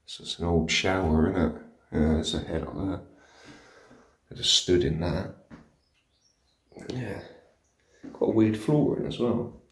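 Pausing often and never rushing, the host speaks in a low-pitched voice while guiding viewers around an abandoned house indoors. He's an urban explorer from England, and his running commentary bursts with excitement and amazement.

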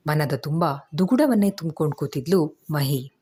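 A woman reading a story aloud in a steady, expressive storybook narration. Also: low voice, moderate pace, husky.

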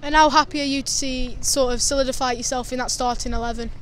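A teenage boy with a high voice conducts a post-match interview outside a football ground. He asks eager, prepared questions into a handheld mic, with faint street noise behind him. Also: steady tone, fast, fairly bright tone. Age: teens. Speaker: fan interviewer.

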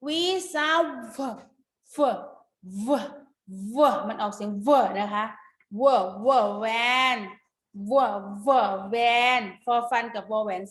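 Woman teacher for kids' phonics, drawn-out repeated sounds, higher voice. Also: fairly even intonation, sharp tone, echoey room. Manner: slow, drawn-out repetition of letter sounds. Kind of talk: phonics lesson for children.

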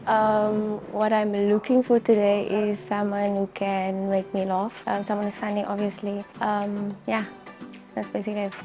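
A woman who speaks in short, flat, unimpressed replies at a mid pitch. She sits on an indoor studio set wearing a lapel mic. Faint music plays underneath. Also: moderate pace. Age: 20s. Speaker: dating show contestant. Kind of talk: casual dating chat. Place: indoor studio set with a green plant wall.

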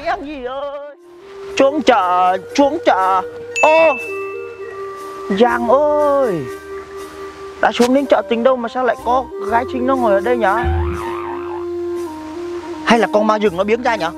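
A performer playing a boastful, goofy young village man who is out to catch a wife, in a comedy sketch. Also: high-pitched. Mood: clowning. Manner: loud, clowning, laughs at own jokes. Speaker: comic lead.

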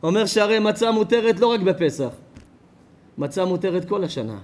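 A rabbi from Israel preaching an ethics sermon to a live congregation, swelling loud on key phrases and then dropping quiet and intimate. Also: male voice, high voice, expressive. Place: lecture before a live audience.

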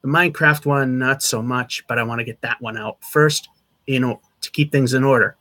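A channel host in his thirties, medium in pitch, talks at a moderate pace with fairly even intonation and a pushed, bright sound. He's rambling through a casual vlog update, filled with fillers and restarts, recorded on a webcam at desk distance in a small attic with a sloped wood-paneled ceiling.

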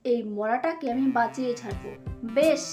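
A woman voicing a proud, short-tempered male lion king in a cartoon story, with a gruff, indignant manner. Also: fairly high pitch, normal speed, natural voice. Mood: blustering. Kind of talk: cartoon voice acting. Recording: faint music behind.

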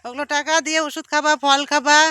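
A woman's voice: high voice, steady tone, fast, no echo. Breathless woman health worker vlogging. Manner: gentle, coaxing, advising elders. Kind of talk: casual vlog talk to viewers. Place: outdoors by a village road.

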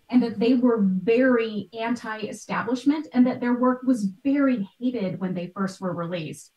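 Speaking from a small bright room at home, an art historian and podcast host, probably in midlife, chats emphatically as an interview guest over video call. Her fairly high voice is a little mellow, and the computer mic leaves it distant with room echo.

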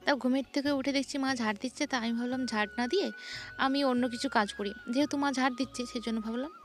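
A woman's voice: high-pitched, rapid-fire, soft background music. A young woman, narrating her morning chores in a chatty home vlog. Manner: chatty, describing chores as she goes. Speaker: vlogger.

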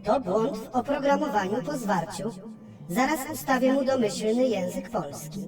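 A woman's voice: on the high side, animated, normal speed, over music, natural voice. A woman voicing Robi, a know-it-all onboard computer in a children's cartoon, who lectures in facts and starts with a beep. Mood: lecturing. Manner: lecturing, factual, beeps before speaking. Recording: roomy, distant and echoey.

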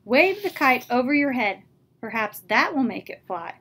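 A woman reading a children's story, voicing a calm, patient male frog who keeps encouraging his friend. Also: a little high, moderate pace.

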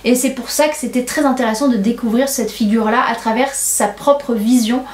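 A young woman with a fairly high voice talks with amused enthusiasm about a book for her reading club. She switches easily between casual chat and reading aloud. The sound is roomy and echoey. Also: a little fast, darkish tone. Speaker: podcast host, book club organizer. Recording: roomy echo.

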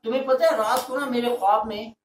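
A woman voicing a boastful, scheming man from a kids' story, telling his dream in an animated way, recorded from a distance in a roomy space. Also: extremely high pitch, fast talker, voice pushed up. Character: boastful scheming man, one of three friends. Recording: roomy, distant mic, faint hum.

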